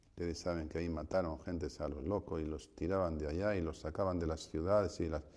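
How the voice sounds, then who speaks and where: A man, a priest, giving a spiritual retreat conference, telling stories and acting out voices with sudden shouts. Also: deep voice. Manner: storytelling, acts out voices with loud shouts.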